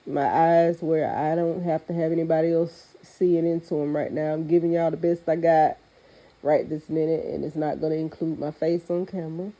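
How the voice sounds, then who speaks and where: A woman's voice: low-pitched, level tone, moderate pace, mellow, rough recording. A woman with a congested, nasal voice, as if her nose were pinched, giving earnest, off-the-cuff spiritual advice as a host. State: congested from recent illness. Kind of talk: spiritual pep talk, speaking off the cuff.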